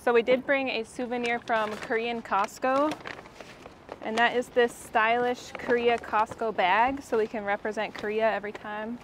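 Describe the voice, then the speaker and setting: A young woman with a Minnesota accent talks her way through a casual vlog, chatty and wry, laughing easily. Her voice sits a little high. A faint hum of background noise runs under her. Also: little pitch movement, normal speed. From Minnesota, USA. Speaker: vlogger.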